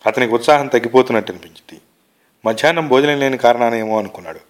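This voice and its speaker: A man reading a short story aloud in a measured, unhurried way. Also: mid-range voice. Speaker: reader of short stories. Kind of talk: literary narration.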